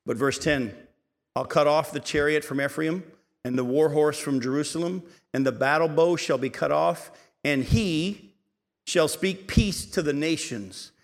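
A man's voice: a little high, unhurried. A male pastor delivering a sermon, asking the congregation rhetorical questions and building in intensity. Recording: long hall reverb.

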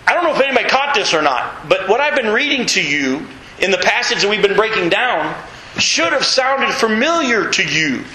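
A middle-aged man preaching a sermon as pastor, animated and reading scripture aloud to his congregation. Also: sits high, moderate pace, echoey room, rough recording. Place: church sanctuary with congregation.

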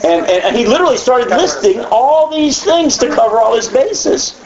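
A man from the United States teaching the Bible in a conversational way, animated and folksy, with frequent asides and repeated words. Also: very high-pitched, moderate pace, a crowd in the background. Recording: echoey, dull lo-fi room sound.

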